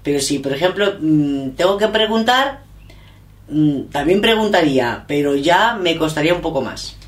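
Echo fills the room as a hesitant middle-aged woman, an interviewee learning English, chats casually. She has a low voice with lively intonation at a moderate pace, and she thinks aloud and keeps correcting herself.

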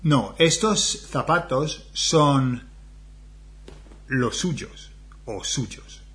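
A man with an ordinary mid-range voice co-hosts a casual language lesson as the learner. He keeps a relaxed, jokey tone and answers quiz questions between frequent murmurs of agreement. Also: medium pitch, drawn-out words. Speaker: co-host and learner.

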